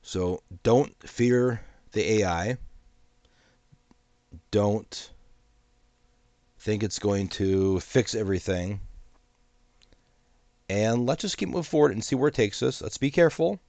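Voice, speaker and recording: A man with a deep, low voice talks through his points with a steady, cautionary manner and the odd wry aside. His voice sounds congested from a sinus infection. The sound is dry and close, with no room around it. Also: slow pace, pauses often, no room sound. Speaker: host of an AI commentary channel. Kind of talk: solo commentary to camera.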